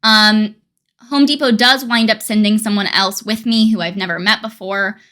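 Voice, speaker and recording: Bright-voiced young woman streamer. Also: medium pitch, fairly even intonation, normal speed. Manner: rambling, laughing, dry self-mocking humor. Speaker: live streamer. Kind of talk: casual live-stream chat.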